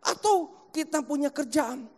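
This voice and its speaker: High-voiced male preacher in echoey church. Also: lively intonation, a little slow. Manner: addresses the congregation directly and acts out everyday quotes. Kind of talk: sermon. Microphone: handheld microphone.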